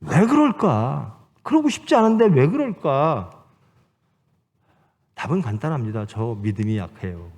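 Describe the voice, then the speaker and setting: A man's voice: medium pitch, big pitch swings, a little slow, darkish tone. A man, a pastor, preaching a Sunday sermon with emphatic rhetorical questions and exhortations. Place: church sanctuary. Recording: long church hall reverb.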